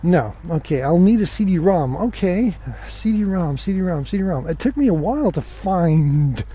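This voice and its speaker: This podcast host is a man with a high, mellow, slightly rough voice who sounds animated yet takes his time. Alone at the mic, he spins casual, conversational stories and performs the remembered dialogue.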